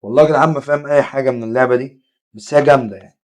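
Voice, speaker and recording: Joking young Egyptian gamer. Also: male voice, medium pitch, steady tone, rapid-fire, a little mellow. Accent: Egyptian Arabic. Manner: jokey, swears, mock-scared reactions. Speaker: gaming YouTuber. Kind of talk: horror game let's play commentary.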